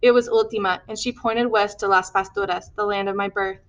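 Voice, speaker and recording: A woman reading a novel aloud in first person, steady and earnest. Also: medium pitch, brisk, poor audio. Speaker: audiobook reader. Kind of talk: audiobook narration.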